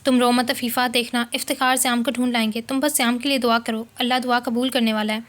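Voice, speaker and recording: A woman's voice: on the high side, level tone, fast, a bit bright, close to an everyday voice. A woman voicing a kind female friend who comforts a grieving mother and promises help. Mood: comforting. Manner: comforting, concerned. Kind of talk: novel reading.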